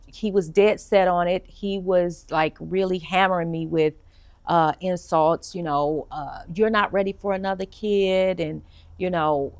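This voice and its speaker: A middle-aged woman giving an earnest personal testimony, halting often with fillers as she tells her story. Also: low voice. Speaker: testimony speaker.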